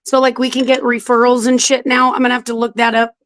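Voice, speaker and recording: A woman with a fairly high voice talks fast in a level tone while co-hosting a podcast from home on a streaming setup. She's blunt and teasing in casual chat, swears freely, and sounds a little strained, with no echo.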